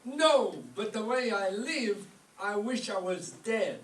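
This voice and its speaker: A man playing a hard-up, wisecracking music maestro, gloomy and deadpan, in a radio comedy. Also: high voice. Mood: gloomy, sardonic. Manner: deadpan, deliberate punchline delivery. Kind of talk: live old-time radio comedy acting. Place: echoey room, mic at a distance. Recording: roomy, distant live stage recording, faint noise.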